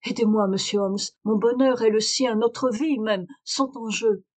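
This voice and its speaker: A woman's voice: a little high, a little slow, a little mellow. A woman reader voicing a desperate aristocratic young wife in a French audiobook, pleading and urgent. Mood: anxious confession. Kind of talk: audiobook reading of a detective story.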